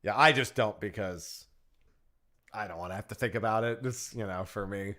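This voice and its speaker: A man's voice: fairly low pitch, moderate pace, sharp tone. A man hosting a stream, talking casually in a group voice chat. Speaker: stream host.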